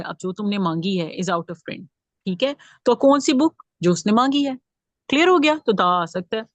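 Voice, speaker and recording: A woman's voice: medium pitch, no room sound. Woman teaching grammar, dry close sound. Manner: explains patiently, checks in with "theek hai" often. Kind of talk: classroom grammar lecture.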